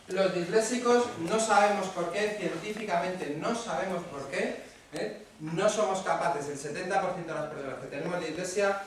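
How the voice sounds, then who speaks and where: A man with a Spanish accent from Spain, giving a casual lecture to parents and often checking in with his audience. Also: fairly high pitch. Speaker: speaker at a talk for parents. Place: hall at a parents' association talk. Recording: very echoey room, mic far off, faint noise.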